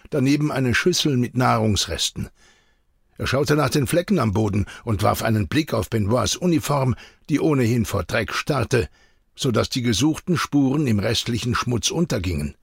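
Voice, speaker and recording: Gravelly, expressive male audiobook narrator. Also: mid-range voice, normal speed, dry recording, studio quality. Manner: expressive storytelling. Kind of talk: scripted narration.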